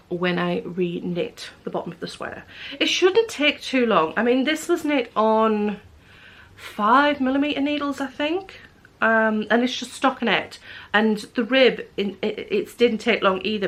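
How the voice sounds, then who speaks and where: A woman's voice: mid-range voice, a bit bright. A woman vlogger chatting casually to camera, rambling with many fillers and restarts. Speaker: knitting vlogger.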